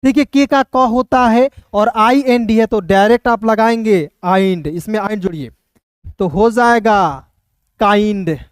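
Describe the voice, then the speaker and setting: A man's high, smooth voice comes through with studio quality and no room sound. Teaching English spelling in Hindi phonics, he breaks each word into individual letters and explains slowly, checking in often with "doston" to see whether his friends follow.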